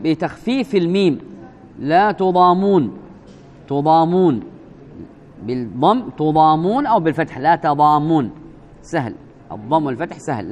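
A man giving a religious lesson, speaking deliberately, repeating words, spelling out pronunciations and asking the listeners rhetorical questions. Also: a little high, darkish tone. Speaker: religious teacher. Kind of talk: religious lesson explaining a hadith.

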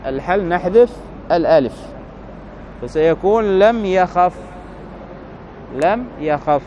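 High-voiced man slowly teaching grammar. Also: animated, a little mellow, slight background noise. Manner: slow, deliberate, keeps asking the listener "right?" to check understanding. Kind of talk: Arabic grammar lesson, explaining a text. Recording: dull lo-fi recording.

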